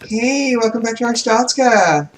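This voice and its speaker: A man's voice: very high-pitched, animated, a little slow, voice pushed up. A man voicing a fake-polite male border inspector in a sarcastic customer-service manner, heard with faint noise from a distant mic. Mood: sarcastically sweet.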